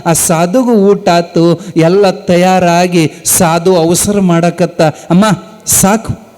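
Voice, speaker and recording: A man preaches a devotional story, his voice pitched unusually high. He takes his time, lingering over each phrase as he swings between urgent peaks and hushed, solemn drops. A long hall reverb trails after his words. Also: fairly even intonation, slow pace. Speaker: spiritual discourse speaker. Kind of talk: storytelling sermon.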